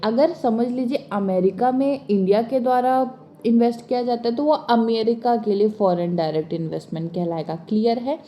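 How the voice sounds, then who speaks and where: A woman teaching commerce in a bilingual exam-prep lecture, reading English lines slowly and then explaining quickly, often stopping to check that her students follow. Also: fairly high pitch, mellow. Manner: repeats points with frequent check-ins.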